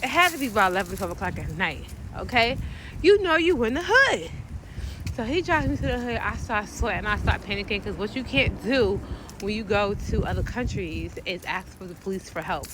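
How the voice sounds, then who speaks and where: An American woman telling a story casually, animated and slangy, often acting out the voices of other people. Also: mid-range voice, fairly quick, background noise. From United States.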